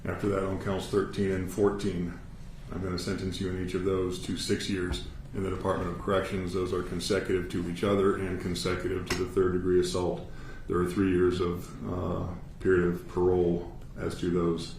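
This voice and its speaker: A man with an American accent speaking as a judge, giving a formal sentencing statement in a measured, matter-of-fact, authoritative way. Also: low voice, completely flat delivery, darkish tone. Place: courtroom. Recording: echoey room, distant mic, faint noise.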